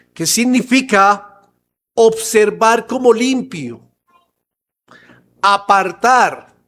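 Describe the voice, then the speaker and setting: A pastor preaching a sermon to his church, slow and emphatic, asking rhetorical questions. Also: high voice, a bit bright, low-quality recording.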